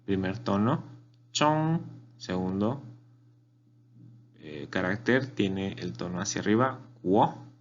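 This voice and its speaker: Slow low-voiced male language teacher. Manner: patient, repeats words for learners. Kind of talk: slow spoken language lesson. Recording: dull lo-fi recording with faint hum.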